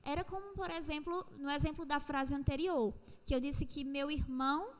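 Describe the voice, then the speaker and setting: A high-voiced woman with a Brazilian Portuguese accent teaches a recorded lesson. She explains patiently, repeats herself and drags out the example sentences. Her voice rings with a long reverb, as if in a bare room. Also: normal speed.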